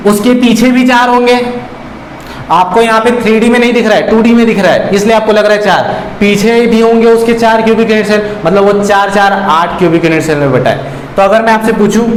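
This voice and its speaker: A man's voice: high voice, brisk. A man teaching a chemistry class, counting aloud and asking then answering his own questions, mixing in English terms. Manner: mixes Hindi with English terms; steps away from the mic to point things out. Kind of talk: online class lecture. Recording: echoey room, faint ambient noise.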